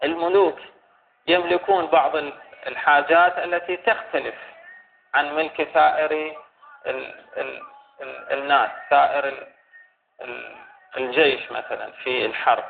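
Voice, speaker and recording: Halting gravelly man lecturing, tinny sound. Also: a little high, fairly even intonation, faint music behind. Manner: halting, repeats and restates phrases while explaining. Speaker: religious teacher. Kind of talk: scholarly lecture explaining a legal text. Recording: tinny phone-like recording with faint hiss.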